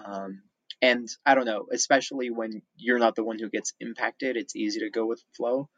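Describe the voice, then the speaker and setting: A man's voice: mid-range voice, normal speed, no echo. A man co-hosting a casual book podcast, telling an anecdote and livening it up by quoting others. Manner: storytelling, animated when quoting others. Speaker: podcast co-host. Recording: dull lo-fi sound.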